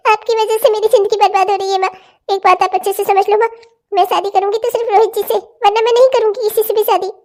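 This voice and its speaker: A heartbroken young woman from a cartoon family drama, voiced by a woman, crying as she pleads and sobs between her words. Her voice is extremely high and tearful throughout. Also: steady tone, brisk, a little mellow. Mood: accusing tearful.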